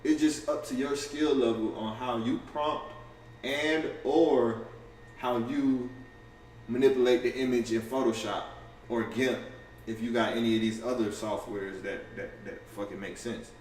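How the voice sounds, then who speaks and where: A content creator goes live, chatting loosely and fast to his camera in an offhand, slangy, profane way, tripping over restarts and tossing in "you feel me." His mid-range voice is a little mellow with fairly even intonation. A distant mic picks him up from some way off in a roomy space, with faint ambience and slight background noise.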